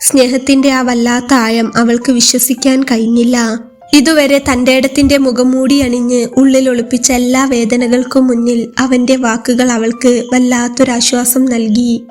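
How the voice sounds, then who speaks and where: A woman narrating a romantic story in a calm, even reading voice. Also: fairly high pitch, moderate pace, soft background music.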